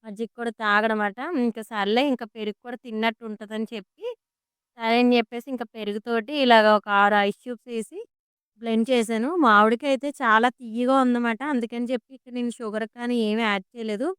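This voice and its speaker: A woman's voice: a little high, flat delivery, fast, a bit bright, clear, resonant tone, dry recording. A woman giving a chatty, amused voice-over for her home vlog, recorded close to the mic. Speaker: vlogger.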